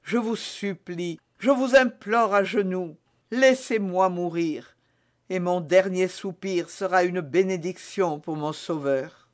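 A man reading aloud, voicing a scheming captive woman who pleads piously and slowly. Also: sits high, steady tone, a little mellow. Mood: pleading. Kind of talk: audiobook character reading.

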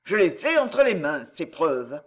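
Composed commanding nobleman, read by a man; cold and measured, high animated pitch. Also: full character voice.

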